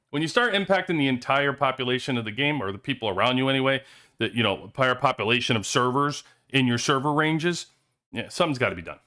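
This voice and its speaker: A man with a sharp, medium-pitched voice runs a livestream, his loose, casual talk wandering into joking asides. He's using a cheap headphones headset.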